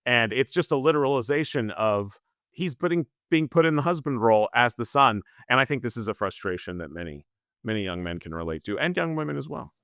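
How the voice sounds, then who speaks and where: A man co-hosting a book-club podcast, talking in a measured, explanatory way. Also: mid-range voice, animated, fairly bright tone, no room sound, studio quality. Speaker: podcast co-host.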